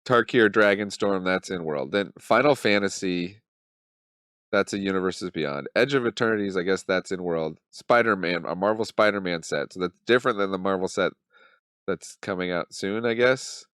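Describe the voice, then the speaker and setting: Talking through a cold, this thirty-something channel host offers casual commentary that's wry and mock-dramatic, full of ums as he thinks aloud. His low, smooth voice is a bit bright and moves at a moderate pace. The studio sound is clean, with no echo.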